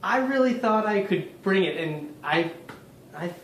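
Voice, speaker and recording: A man co-hosting a podcast in loose, casual chat, his voice sitting a little high. He keeps it relaxed, trailing off and starting his sentences over. The room sounds roomy, with a faint hiss underneath. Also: measured pace. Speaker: podcast co-host.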